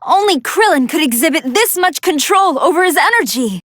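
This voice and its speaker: A woman playing a polite, excitable young android scientist who fights a hidden hunger, giving earnest, articulate commentary in an anime fighting game. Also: high-pitched, moderate pace, no room sound, studio quality. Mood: curious, analytical. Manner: articulate, earnest, formal scholarly phrasing.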